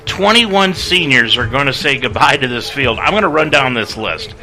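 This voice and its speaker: A man calling a college football pregame radio broadcast as play-by-play announcer, briskly reading scores, stats and lists of names. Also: medium pitch, lively intonation, pushed and bright, poor audio.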